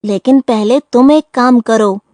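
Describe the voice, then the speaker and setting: A crafty tortoise friend, high-voiced and slow-spoken, as a woman plays him. He is part of a storybook audio play, recorded dry and close. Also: a little mellow, no room sound, natural voice. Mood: friendly.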